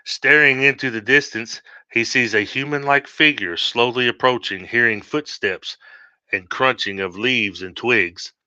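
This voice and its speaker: A man's voice: medium pitch, unhurried, sharp tone, no echo. A man reading his own horror story aloud steadily, with small slips, on a dull lo-fi recording.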